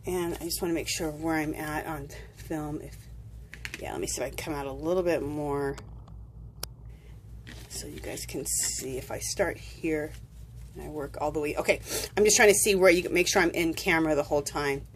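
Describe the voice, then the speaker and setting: Indoors at her craft table, this crafting vlogger chats her way through a paper craft tutorial, wandering off topic, fixing her own words and sniffling with a cold. Her low voice has fairly even intonation and a moderate pace. There's a slight hiss or hum.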